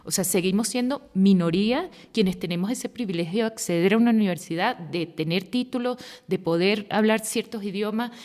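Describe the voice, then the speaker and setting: An earnest woman in her forties, talking things through in long, searching sentences as a podcast guest. Her voice sits at a middle pitch and carries a long, hall-like reverb. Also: fairly quick, few pauses, a little mellow. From Venezuela. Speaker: guest, women's rights activist. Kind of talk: podcast interview conversation.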